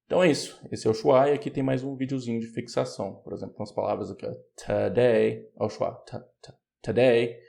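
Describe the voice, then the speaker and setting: A man with a Brazilian Portuguese accent teaching English pronunciation, patiently explaining and repeating words slowly. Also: mid-range voice, creaky, warm tone. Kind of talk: online pronunciation lesson.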